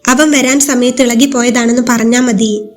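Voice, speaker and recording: A woman's voice: on the high side, fairly even intonation, moderate pace, soft background music, natural voice. A woman voicing a cold, mocking mother-in-law in a storybook reading. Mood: scornful. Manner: mocking, disdainful.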